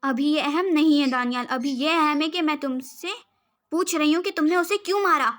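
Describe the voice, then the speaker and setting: A blunt young woman scolds and demands answers in a high, sharp-edged storybook voice, read by a woman. She presses without letting up. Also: moderate pace. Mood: angry. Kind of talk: storybook role reading.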